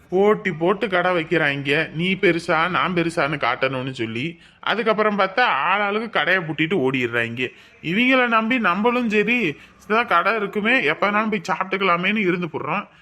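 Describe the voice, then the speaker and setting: A man's voice: sits high, normal speed, bright, forceful tone. An actor playing an ordinary village man grumbling casually about closed shops.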